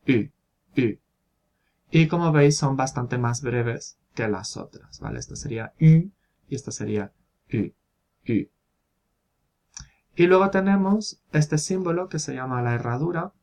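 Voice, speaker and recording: A man's voice: medium pitch, creaky, a little mellow. A man teaching phonetics in a recorded video lesson. He explains step by step, demonstrates sounds aloud and keeps checking in with his listeners. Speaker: phonetics instructor.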